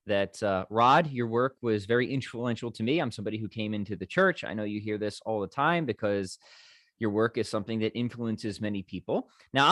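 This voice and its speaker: An American man hosts a casual podcast conversation with a lively, swinging intonation and a close, dry sound. He thinks aloud informally, often checking that the listener follows. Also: on the low side, no room sound. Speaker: podcast host. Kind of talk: casual chat, interviewing.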